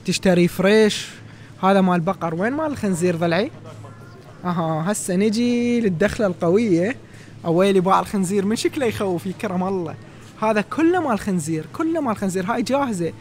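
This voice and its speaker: A young man in his twenties with an Iraqi Arabic accent, giving chatty, lively tour-guide commentary as a vlogger in a large indoor supermarket, recorded on a handheld phone. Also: high voice, fast, slight background noise. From Iraq. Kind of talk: casual walk-through vlog.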